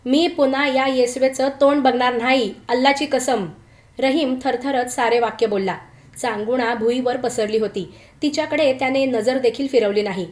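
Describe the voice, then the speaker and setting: A female storyteller narrates a scripted tale in a dramatic reading style, her voice pitched a little above the typical range for women and somewhat dark in tone. She slows down for the quoted lines and gives them a rougher, rural flavor.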